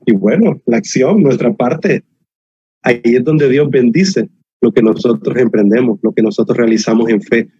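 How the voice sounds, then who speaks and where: A man's voice: medium pitch, normal speed, mellow, breathy edge, no echo. Muffled man preaching a sermon. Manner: preaching with emphatic repetition and humor. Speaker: pastor.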